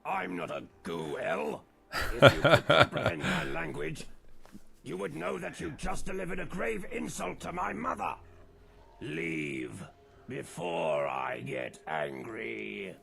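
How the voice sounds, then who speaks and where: An actor playing a theatrical ghoul man in a video game, with a raspy voice and a grandiose way of talking. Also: fairly high pitch, sing-song, takes it slowly, bright, forceful tone, heavily acted. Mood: pompous, menacing. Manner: grandiose and theatrical, dropping into weary plain talk. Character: theatrical ghoul man posing as pompous alien interloper-hunter. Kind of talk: video game character dialogue.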